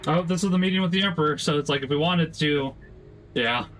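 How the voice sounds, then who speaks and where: A man's voice: on the high side, fast, a bit bright, a little hiss or hum. A man giving casual live commentary as he streams a video game.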